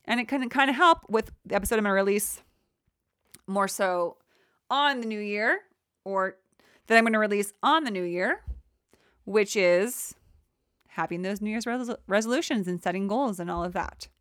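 A young adult woman hosting a reflective solo podcast, talking in a gentle, encouraging way that rambles with many fillers. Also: medium pitch, moderate pace, long pauses, no echo, studio quality. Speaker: podcast host.

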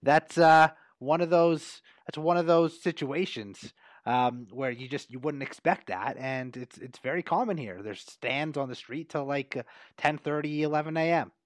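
A man hosting a sports talk show in an upbeat, energetic presenting manner. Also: on the high side, moderate pace, dry recording. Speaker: host.

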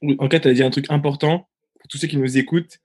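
A man's voice: on the high side, fairly even intonation, quick pace, darkish tone, breathy edge. A man co-hosting a podcast, reacting with emphatic agreement in casual chat. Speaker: podcast co-host.

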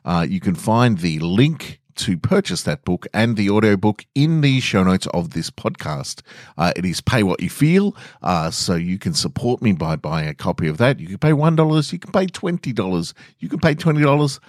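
Reading short scripted stories aloud and chatting casually with listeners, this Australian podcast host speaks at a moderate pace in a fairly low, sing-song voice with a darkish tone. It's studio-quality audio with no echo.

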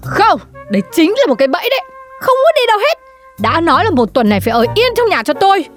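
A bossy, superstitious cartoon shop mom. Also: female voice, very high voice, sing-song, fast, faint music behind. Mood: scolding. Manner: scolding and melodramatic. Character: superstitious, bossy middle-aged shopkeeper mom. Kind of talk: cartoon voice acting.

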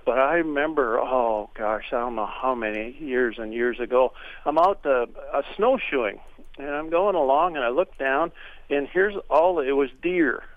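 A man calling in to a radio show, spinning folksy, joke-filled stories in a voice of middling pitch. His voice comes through a thin, narrow phone line, dry and close with no room sound. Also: normal speed, no echo. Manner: folksy, joking storyteller. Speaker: regular birding guest on a radio show. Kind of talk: casual radio chat.

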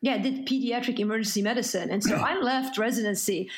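A woman's voice: a little high, fast. A middle-aged woman from Lebanon, a guest author telling her story in an interview in an earnest, reflective way. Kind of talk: conversational interview.

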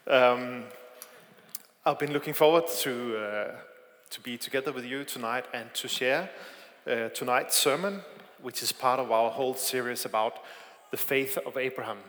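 A man from Denmark gives a sermon with a Danish accent, his delivery hesitant, filler-heavy and sprinkled with self-deprecating humor. The mid-range voice is a bit bright, and the echoey hall adds long reverb.

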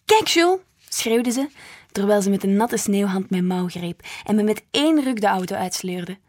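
A woman narrating a children's story in the first person, quietly, drifting into hushed whispers. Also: mid-range voice, normal speed. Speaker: audiobook narrator.

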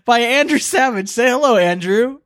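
A man hosts a casual comedy podcast, his pitch swooping up and down as he talks. He laughs often between lines and keeps things loose with his friends. The recording is dry and close. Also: animated, moderate pace, fairly bright tone, no room sound. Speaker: podcast host.

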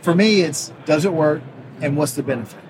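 Earnest guy dentist explaining with simple analogies, loud show floor noise. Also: a little high, a little fast. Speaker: orthodontist. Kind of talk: conversational interview. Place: exhibit hall floor. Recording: noisy trade show hall.

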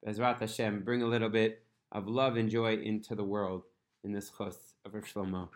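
A man's voice: lowish voice, level tone, normal speed. A man telling a heartfelt story in an earnest way, slipping into the characters' first-person voices and using Hebrew and Yiddish religious terms.

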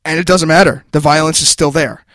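A man speaks earnestly in casual podcast talk, rambling and restarting as he makes his point. His voice is a bit high, and it sounds close and dry. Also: steady tone, brisk, a bit bright, no room sound. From New Jersey. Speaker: podcast co-host. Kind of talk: casual chat.

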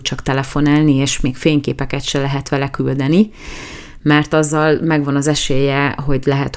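A woman with a notably low voice delivers a current-affairs commentary monologue. She sounds opinionated and conversational, and she restarts phrases as she works out her argument. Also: darkish tone. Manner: opinionated, conversational, self-correcting.

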